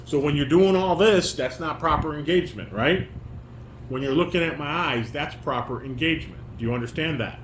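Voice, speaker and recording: Somewhat high and bright, this dad's voice is brisk with lively intonation as he instructs a child during a family table read. He is firm and quizzing, and the room echoes with noise behind him.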